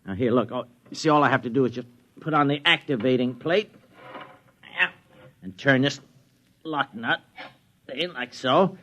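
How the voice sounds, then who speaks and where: An actor playing a flustered, wavering husband and keen tinkerer in a 1950s radio drama, stammering and blustery, on a muffled old recording. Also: male voice, mid-range voice, normal speed, long pauses, pushed and bright, slight background noise, lightly acted. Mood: eager, excited.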